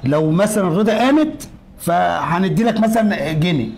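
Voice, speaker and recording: A man's voice: high voice, expressive, moderate pace, creaky, darkish tone. A man playing a young Egyptian brother who wriggles out of a bet, pleading and stammering in a comedy sketch. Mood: sheepish. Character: young adult brother dodging a lost bet.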